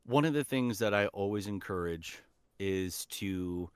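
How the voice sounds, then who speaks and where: A voice actor and teacher, appearing as a podcast guest, offers encouraging, emphatic advice conversationally, repeating key phrases. His voice is lowish and animated at a measured pace. The tone is clean and the recording dry.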